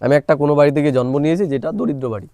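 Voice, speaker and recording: A man with a fairly high voice teaches a meditation class, pausing often to ask his listeners whether they have understood. He speaks into a small clip-on microphone. The sound is dry, with almost no room around it. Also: fairly even intonation, warm tone, no echo. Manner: asks listeners rhetorical check-in questions. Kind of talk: spiritual class lecture. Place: small room, recorded on a mobile phone.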